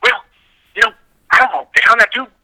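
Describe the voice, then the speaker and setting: A man putting on a mock voice of his podcast co-host, halting and musing aloud. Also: very high voice, pushed and bright, pitched above the performer's own voice, heavily acted.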